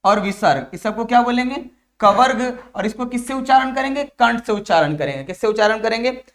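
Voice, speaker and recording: A man with a very high-pitched, animated voice speaks a little fast in a Bihari Hindi accent. In an exam-prep lesson on Hindi grammar, he calls his viewers dear children and drills them by repeating each question several times before answering it himself.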